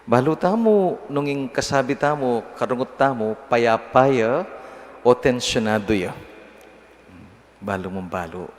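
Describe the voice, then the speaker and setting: A man's voice: mid-range voice, takes it slowly, long pauses. A middle-aged male priest from the Philippines giving a homily at Mass in a conversational, teasing way, chuckling at his own examples. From Pampanga, Philippines. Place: large church. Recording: long church reverb, faint noise.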